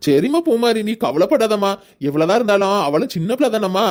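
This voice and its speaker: A woman's voice: mid-range voice, expressive, fast talker, darkish tone, slight background noise, close to an everyday voice. A woman voicing a caring, anxious older mother in a cartoon, with a Tirunelveli Tamil accent, soothing and chatty.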